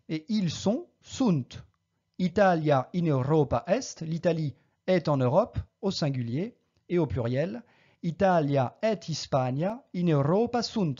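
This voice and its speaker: A Latin teacher giving a recorded lesson, slowly modelling each Latin word's pronunciation and then explaining it. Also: mid-range voice, dark tone, lo-fi sound.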